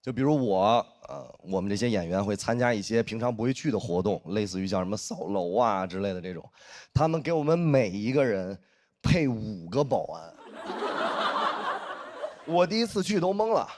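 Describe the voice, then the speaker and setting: A man performing a stand-up comedy set, telling a story in an animated way and acting out the dialogue. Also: fairly low pitch, normal speed. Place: stage in front of a live audience.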